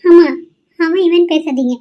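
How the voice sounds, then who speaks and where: A woman's voice: very high-pitched, normal speed, muffled recording. A woman voicing a heartbroken young newlywed wife in a cartoon, speaking in a tearful, pleading way. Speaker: cartoon character voice. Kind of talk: cartoon voice acting.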